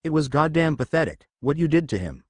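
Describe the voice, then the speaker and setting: A man's voice: on the high side, animated, brisk, darkish tone, no echo. A man reading the lines of a drunk, furious young woman who snarls and taunts, in an audiobook-style story reading. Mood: raging.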